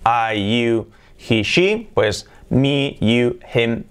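Lively Spanish-accented male teacher. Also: mid-range voice, smooth. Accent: Spain Spanish. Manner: explains step by step, repeats and spells out words slowly. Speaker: English teacher. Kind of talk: recorded language lesson.

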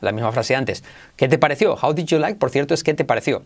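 Spanish guy from spain teaching english online, super lively up and down voice, hypes every word and makes you repeat. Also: mid-range voice. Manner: enthusiastic, self-described exaggerated, drills words slowly for repetition. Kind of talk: online language lesson.

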